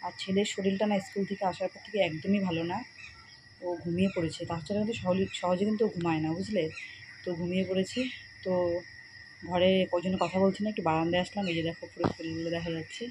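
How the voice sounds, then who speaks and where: Soft-spoken woman vlogging at home. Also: lowish voice, steady tone, fast talker. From India. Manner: chatty, keeps checking in with viewers; talking softly to keep a sleeping child undisturbed. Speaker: family vlogger. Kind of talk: casual vlog chat to viewers. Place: at home, on a balcony outdoors. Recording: noisy home ambience with birds.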